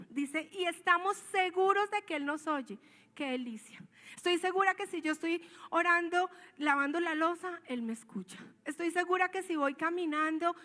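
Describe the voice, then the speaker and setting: High-voiced Colombian woman preaching. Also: pushed and bright. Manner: conversational, emphatic, asks the audience questions. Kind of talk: sermon. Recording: long hall reverb.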